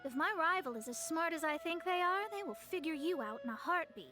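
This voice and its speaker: Haughty young astrologer in a game, self-important mentor, high lively voice. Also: female voice, brisk, over music. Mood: lofty. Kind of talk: video game voice acting.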